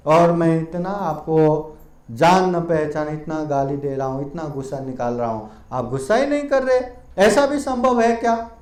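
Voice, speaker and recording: A man's voice: high-pitched, a little mellow. A man playing a proud, angry Brahmin who asks pointed, disbelieving questions, in an echoey room. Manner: indignant, questioning and exclaiming.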